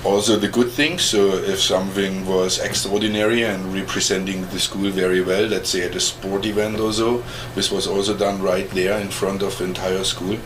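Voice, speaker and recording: A man in his forties with a German accent and a very low voice tells his life story in an interview. He pauses to search for English words and chuckles now and then. A steady background noise sits under the recording. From East Germany. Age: 40s. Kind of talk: oral history interview.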